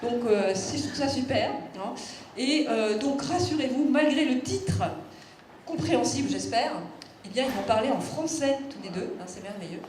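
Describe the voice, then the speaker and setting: A woman's voice: fairly high pitch, lively intonation, moderate pace, a little mellow. A woman moderating a conference, introducing the speakers in a chatty, joking way. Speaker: event moderator. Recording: echoey room with faint noise.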